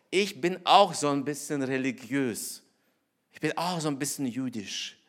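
A middle-aged man preaching a conversational sermon, acting out voices and swinging between hushed asides and loud emphasis. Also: mid-range voice. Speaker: pastor.

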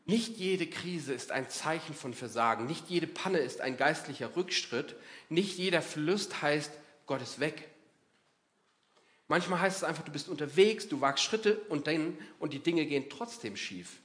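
A man preaching a sermon in a lively, conversational way, acting out inner voices as he talks. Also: a little high, measured pace.

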